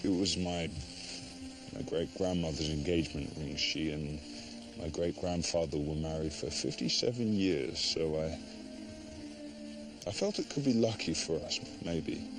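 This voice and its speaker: An actor playing a courteous, earnest young aristocratic suitor in a film, speaking politely and tentatively. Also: male voice, extremely low pitch, measured pace, poor audio. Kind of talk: film acting. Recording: loud music over film dialogue.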